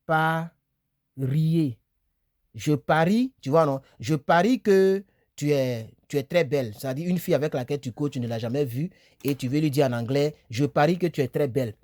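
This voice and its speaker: A man giving a casual video lesson on English verbs from his bed, repeating words slowly and checking in with his viewers. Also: a little high, darkish tone, no echo, studio quality. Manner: chatty, repeats words slowly, asks "tu vois, non?". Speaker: English teacher. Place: small room, on a bed.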